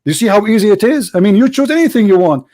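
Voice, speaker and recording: A man's voice: high-pitched, very animated, racing, dark tone, no room sound. Insistent, argumentative male radio host. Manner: argumentative, insistent, repeats phrases. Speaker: call-in show host. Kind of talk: live call-in religious debate.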